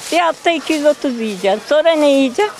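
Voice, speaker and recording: A woman's voice: high-pitched, expressive, very fast, darkish tone. An older retired woman at an outdoor market, complaining in emphatic rhetorical questions to an interviewer. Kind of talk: street interview. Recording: noisy outdoor market crowd.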